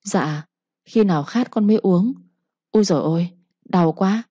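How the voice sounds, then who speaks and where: A woman's voice: mid-range voice, unhurried, dark tone, breathy edge, no room sound. A woman voicing a sly young female servant who whimpers and pleads while faking pain. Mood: whimpering. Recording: slightly muffled recording.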